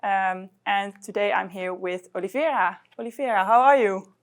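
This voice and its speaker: A woman hosting a webinar, introducing the guest in a brisk, scripted way. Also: mid-range voice. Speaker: host.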